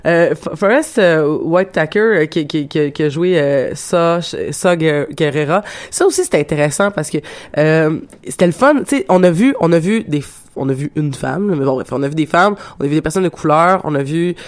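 A man with a Quebec French accent, hosting a casual film discussion podcast and talking haltingly with many restarts and repeated words. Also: on the high side. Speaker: podcast host.

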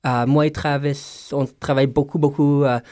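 Guy with english accent in french, clear voice, really hesitant, searching for words, close dry sound. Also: medium pitch, little pitch movement, dark tone, dry recording. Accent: English-speaking foreign accent in French. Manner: halting, searching for words in second-language French. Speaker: performing artist interviewed about his festival piece. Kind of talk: interview answer.

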